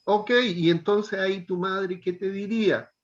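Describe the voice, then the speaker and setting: A middle-aged man teaching a pastoral counseling class, gently coaxing a student and checking in often. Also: high voice, fairly even intonation, measured pace, highs cut off.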